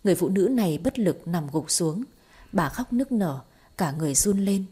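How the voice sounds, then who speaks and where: A woman reading a romance story aloud in steady, scripted audiobook narration. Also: fairly low pitch, moderate pace, slightly rough.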